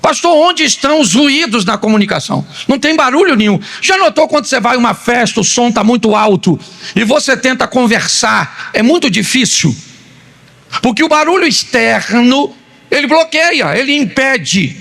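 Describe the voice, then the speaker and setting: Male pastor, fifties, gravelly rasp, high-pitched, joking and animated. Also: moderate pace. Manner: animated, joking storytelling with acted-out quotes. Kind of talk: humorous sermon.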